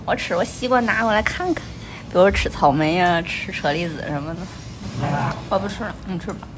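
A woman's voice: lowish voice, a little fast. A woman with a Tianjin accent chatting casually over a meal as a food vlogger, commenting on each bite. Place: small busy restaurant, indoors. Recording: clattery, noisy small restaurant.

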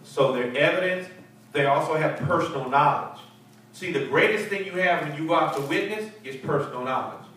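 A middle-aged pastor leads a Bible study in a church fellowship hall before a seated group, preaching emphatically, repeating words and calling for responses. His voice is a little high, fairly quick and fairly bright. He speaks into a handheld mic but is picked up by a distant camera, so the hall sounds echoey with faint hiss.

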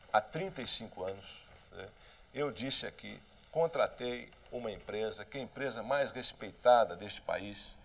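Emphatic middle-aged Brazilian politician. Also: male voice, fairly low pitch. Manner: defensive, emphatic, tag questions. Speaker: interviewed political candidate. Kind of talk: heated televised debate. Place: television studio.

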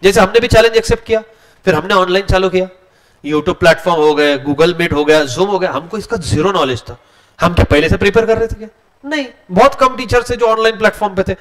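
A man's voice: high-pitched, fairly bright tone. A young man, teaching a class in a casual, joking way, telling stories and mixing in English. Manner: joking, storytelling, mixes Hindi and English.

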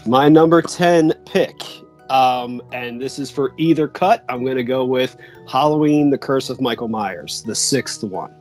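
A man's voice: mid-range voice, measured pace. Casual male co-host on a video call, agreeable, filler-heavy, faint music behind. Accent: Philadelphia. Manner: laid-back, agreeable, lots of fillers. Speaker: podcast co-host. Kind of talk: casual chat.

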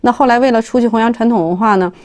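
Middle-aged woman telling a lively personal story. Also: fairly high pitch, rapid-fire. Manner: lively storytelling, acting out dialogue. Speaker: company head sharing study experience. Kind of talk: personal testimony talk.

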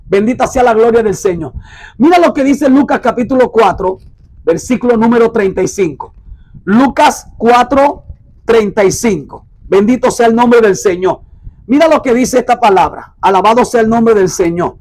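A man with a very high voice preaches a sermon. He reads scripture aloud and tells his listeners to mark it in their Bibles. He repeats phrases emphatically and slows down to stress words. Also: darkish tone, rough recording.

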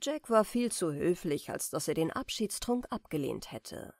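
A woman audiobook reader telling a bedtime fairy tale in a calm, expressive way. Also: fairly low pitch, moderate pace, dry recording, clean studio sound.

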